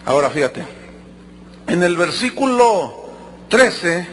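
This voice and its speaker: Male preacher, high-pitched and very animated, acts out voices mid-sermon. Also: takes it slowly, slight background noise. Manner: animated, acts out quotes and jokes with the congregation.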